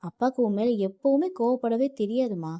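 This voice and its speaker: A woman narrator voicing a middle-aged father who calmly reassures his daughter. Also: on the high side, normal speed, no echo, clean studio sound, voice pushed up, close to an everyday voice. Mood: gentle reassuring. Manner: calm, reassuring. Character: middle-aged man, gentle soothing father.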